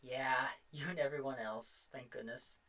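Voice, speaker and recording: A woman's voice: rumbling low, steady tone, a little slow, fairly bright tone, recorded from a distance. A woman hosting a casual livestream while she paints, rambling and jumping from thought to thought. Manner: rambling, jumps between thoughts. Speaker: livestream host painting on stream. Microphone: streaming setup.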